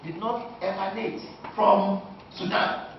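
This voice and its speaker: A man's voice: high-pitched, fairly even intonation, takes it slowly. A man giving a lecture, answering audience questions and stressing his points one after another. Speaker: guest lecturer. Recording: echoey hall, distant lo-fi mic with noise.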